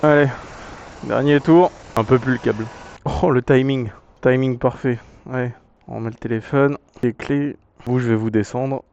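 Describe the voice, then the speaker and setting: A man's voice: medium pitch, fairly even intonation, normal speed, creaky. A young man, a moto vlogger, riding outdoors and chatting casually to himself, slangy, joking and swearing a lot. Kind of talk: casual vlog commentary while riding. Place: outdoors on a motorbike in traffic. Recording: muffled helmet mic with loud wind and traffic noise.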